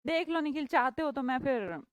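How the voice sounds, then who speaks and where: A woman's voice: high voice, animated, moderate pace, no echo. A woman teaching English vocabulary in a live online class, chatty and playful, teasing her students by name.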